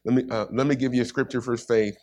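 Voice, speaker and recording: A man preaches a sermon at a medium pitch. He hammers points home by repeating them and calls out to the congregation for an answer. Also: steady tone, fast talker, a little mellow.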